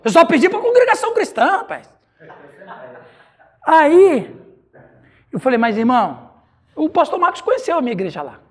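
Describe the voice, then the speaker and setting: Animated high-voiced Brazilian pastor. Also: male voice, moderate pace, long pauses. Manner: animated, laughing, acts out dialogue. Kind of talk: storytelling during a Bible study.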